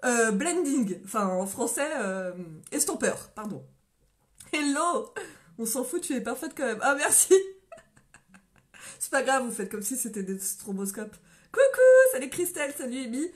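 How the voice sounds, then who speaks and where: High-voiced chatty French woman. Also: animated, a little slow. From France. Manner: chatty, greets viewers by name, laughs often. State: coughing after a run. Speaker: makeup seller doing a live tutorial. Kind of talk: casual live-stream makeup tutorial.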